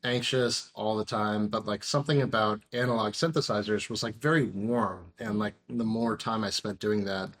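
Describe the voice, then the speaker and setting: A man's voice: fairly low pitch, fairly even intonation, normal speed, hardly any pauses, fairly bright tone. A man in his thirties, a podcast guest and musician, talking casually and rambling with many fillers. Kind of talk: casual interview chat.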